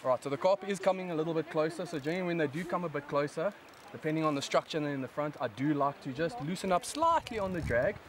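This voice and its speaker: A man's voice: on the high side, animated, quick pace, a crowd in the background. Young man, broad South African accent. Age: young adult. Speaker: angler presenting a fishing video. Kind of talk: casual instructional commentary while fishing. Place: outdoors on a river bank. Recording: outdoor camera sound with background noise.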